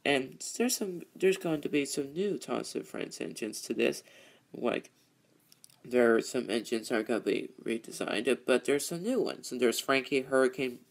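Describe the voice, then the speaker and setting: A man hosting a casual, rambling vlog, halting and repeating his phrases as he goes. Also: medium pitch, lively intonation. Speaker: video host, toy train hobbyist.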